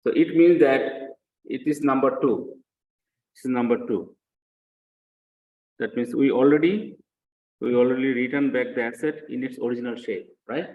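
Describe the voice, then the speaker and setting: This accounting lecturer has a mid-range voice and moderate pace, pausing often as he works through an example step by step. He repeats phrases and checks comprehension with short questions, and the echoey room makes the recording dull and muffled.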